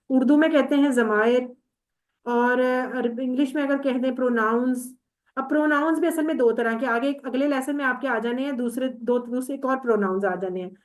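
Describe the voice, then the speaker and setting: A woman teaching an online class, patiently explaining step by step and quizzing her students. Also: a little high.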